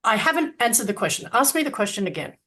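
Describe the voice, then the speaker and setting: A woman's voice: a little high, sing-song, quick pace, fairly bright tone. A woman from Australia with an Australian accent, co-hosting a podcast and talking candidly in a casual conversation, swearing freely. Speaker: podcast co-host.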